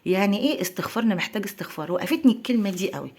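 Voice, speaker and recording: A woman's voice: medium pitch, expressive, racing, a little mellow, breathy edge. A young woman with an Egyptian accent, talking earnestly to her viewers about prayer and blessings. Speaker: lifestyle vlogger. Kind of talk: heartfelt religious talk to viewers.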